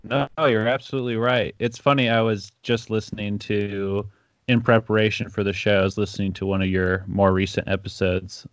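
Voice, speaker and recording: A young man from Ecuador, guesting as a comic creator in a casual interview chat, is an animated storyteller who acts out quotes and says "like" a lot. His voice is on the low side at a moderate pace. The recording is dry and studio quality.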